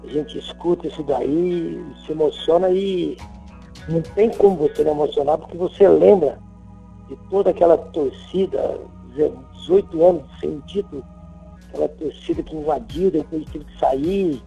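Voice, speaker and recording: An older Brazilian man with a very dark, soft-edged and creaky voice. He reminisces haltingly in a casual interview, in slightly muffled sound with faint music. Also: fairly high pitch. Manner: halting, repeats words as he recalls. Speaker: former footballer being interviewed.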